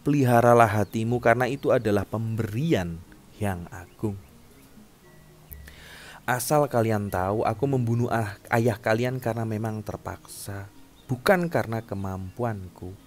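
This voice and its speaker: A man's voice: fairly low pitch, a little slow, soft background music, pitched above the performer's own voice. A man voicing a handsome young king who is smitten and persuasive, pleading earnestly in a storybook tale.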